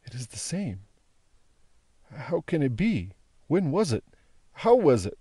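Casting: man as frail-minded old male captive for a classic audiobook. Bewildered, halting, haunted, pitched up, very dry recording. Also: very animated, dark tone, slightly rough, no echo, heavily acted. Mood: bewildered wonder. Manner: halting, repetitive, wondering speech.

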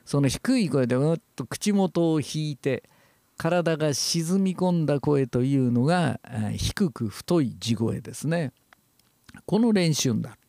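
A man lecturing on voice training in a slightly high, gravelly voice that moves a lot in pitch. He explains calmly and step by step, pausing on fillers as he goes. The sound is close and dry. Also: no echo. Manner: calm, measured explaining with many hesitation fillers.

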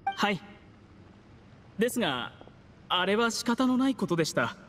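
A man's voice: high voice, very animated, moderate pace, fairly bright tone, long reverb tail, slight background noise. A man voicing a timid, scheming official in an anime game, speaking in an obsequious, humble and apologetic manner. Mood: timid, nervous. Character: timid, servile male official, meek scheming poisoner.

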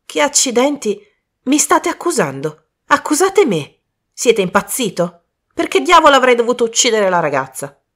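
A brash young man, as a woman narrator puts him on, quick to flare up. He talks loudly and indignantly. The voice rises somewhat above her own reading voice. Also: medium pitch, husky.

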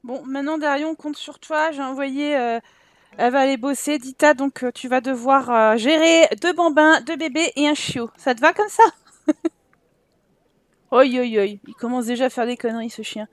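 A high-pitched woman from France narrates her life-simulation game playthrough. She talks to the characters on screen in a chatty, lively way, exclaims at what they do, and laughs often. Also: moderate pace, no room sound. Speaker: gaming YouTuber. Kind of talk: Let's Play commentary.

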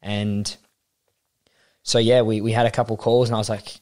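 A man's voice: on the low side, level tone, moderate pace, darkish tone. A young adult Australian man, a coach and podcast guest, chatting casually and acting out quoted remarks as he tells his story. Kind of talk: casual interview chat.

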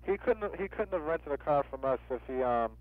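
A car rental office agent on a customer service call talks a little fast in a slightly high, animated voice with no room sound. He is insistent and questioning and keeps repeating himself, all over a tinny, narrow-band phone line.

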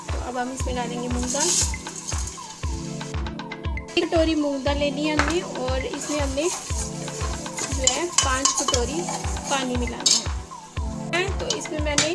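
A woman with an Indian accent, narrating a home cooking vlog step by step and dropping in English phrases. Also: high voice. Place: home kitchen. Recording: loud background music.

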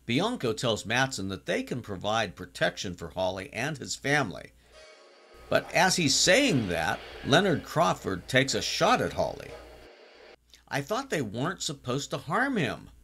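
A man in his sixties recapping a TV episode in a chatty, casual way, now and then breaking into animated exclamations. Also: medium pitch, unhurried, vocal fry. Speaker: TV series reviewer.

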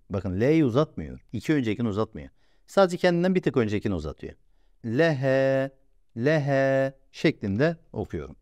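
A man gives a step-by-step reading lesson, patiently stretching out sounds and asking his own questions before answering them. His pitch rises and falls in a lively way. The voice sits close and dry on the mic, with no room around it. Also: no room sound. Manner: patient, repeats sounds slowly and asks himself questions. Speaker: religious reading teacher.

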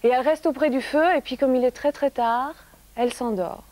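Soft-spoken woman telling a children's story. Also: sits high, steady tone, a little fast. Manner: soft-spoken, dropping to a whisper at times. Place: TV studio.

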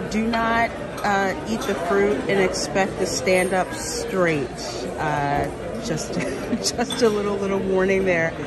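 A young woman chatting eagerly about food in a casual vlog, filmed on a phone at arm's length in a busy restaurant. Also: mid-range voice. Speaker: food vlogger. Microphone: phone camera at arm's length. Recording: loud restaurant crowd and music. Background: loud crowd chatter and music.

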